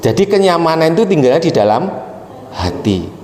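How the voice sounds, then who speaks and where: A man's voice: fairly high pitch, very animated, a little fast, darkish tone, slight background noise. A male preacher, telling a personal story emotionally and often addressing the congregation directly. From East Java, Indonesia. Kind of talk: sermon with personal testimony. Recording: echoey hall, faint ambience.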